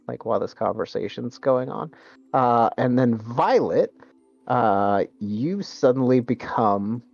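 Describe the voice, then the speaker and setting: A man's voice: mid-range voice, creaky, darkish tone, dry recording, highs cut off. A man narrating a tabletop game as game master, hesitant, with many fillers and restarts.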